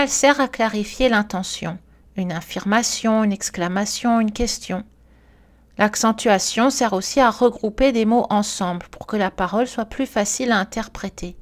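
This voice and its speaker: Woman teaching careful pronunciation. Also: medium pitch. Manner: careful, clearly articulated delivery with slow model words. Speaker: French pronunciation instructor. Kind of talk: scripted pronunciation lesson.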